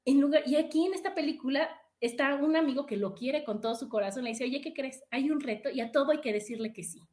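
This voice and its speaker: Hosting a podcast in a relaxed, chatty way, this Mexican-accented woman talks fast in a high-pitched voice. She's animated, often acts out what others said, and leans on tag questions a lot.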